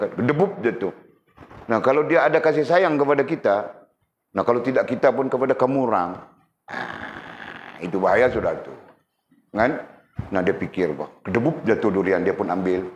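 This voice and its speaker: A man giving a lively religious lesson, often putting questions to his listeners. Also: low voice, dull audio. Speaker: religious teacher. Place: religious boarding school community. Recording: echoey room with faint noise.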